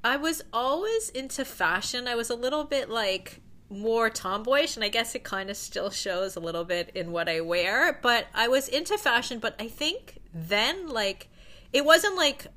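A woman's voice: fairly high pitch, a little slow. A woman in her forties from Toronto, chatting casually as an interview guest, full of "like" and easy laughter. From Toronto, Canada. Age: 40s. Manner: relaxed and chatty, peppered with "like" and laughter. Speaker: guest, fashion stylist.

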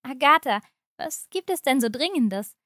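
Storybook role: woman reading a tired, strained young mother, speaking slowly and tightly. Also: high-pitched, no echo, clean studio sound, full character voice. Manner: strained, trying to stay calm. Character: stressed, harried young mother. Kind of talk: audiobook reading of a short story.

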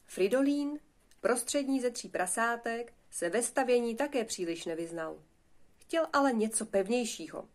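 Woman reading a fairy tale aloud. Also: on the high side. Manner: lively, expressive narration. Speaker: storyteller. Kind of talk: storybook reading.

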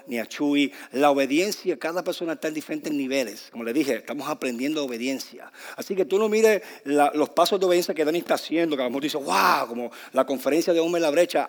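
A man from Rico, preaching a fervent sermon that swings between soft asides and loud bursts, with English fillers mixed in. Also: fairly high pitch. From Puerto Rico. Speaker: pastor. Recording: long hall reverb.

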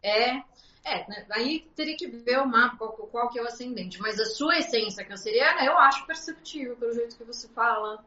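A woman's voice: fairly high pitch, expressive, normal speed, pushed and bright. Earnest woman explaining, echoey and dull. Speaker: astrologer guest. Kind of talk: casual interview chat.

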